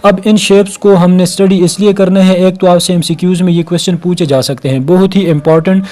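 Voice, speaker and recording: A man's voice: high voice, fairly even intonation, fairly quick, dark tone. A male teacher giving a recorded grammar lecture, explaining step by step and repeating words while counting their syllables, with frequent "uh" fillers and English terms mixed in. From Pakistan.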